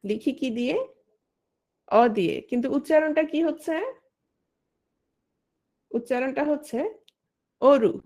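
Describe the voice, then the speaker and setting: A teacher, likely a woman in her thirties, gives an online exam-prep lesson in a high, bright voice, speaking a little slowly with long pauses. She explains rules step by step, poses questions she answers herself, and calls on students by name.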